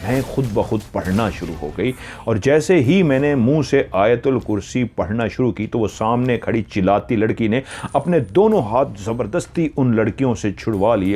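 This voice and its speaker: Male horror storyteller, deep voice, slow and suspenseful, soft music underneath. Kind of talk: dramatic spoken horror story narration.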